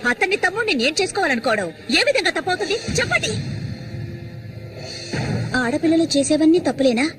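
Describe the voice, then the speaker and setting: A defiant young widow snapping back, swoopy lively voice, music under it. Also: female voice, extremely high pitch, quick pace. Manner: cold, defiant, argumentative. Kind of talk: film melodrama acting. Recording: film soundtrack with music.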